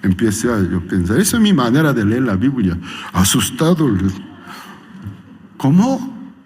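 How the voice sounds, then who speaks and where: A man preaching a sermon as pastor, acting out scenes with sudden loud, high-pitched voices. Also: very animated, a little fast, long reverb tail.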